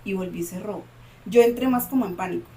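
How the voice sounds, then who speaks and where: A woman's voice: mid-range voice, fast. A woman, co-hosting a podcast and dramatically retelling a personal story with lots of repetition. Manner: dramatic, animated retelling with repeated phrases. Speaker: podcast co-host. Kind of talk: casual storytelling.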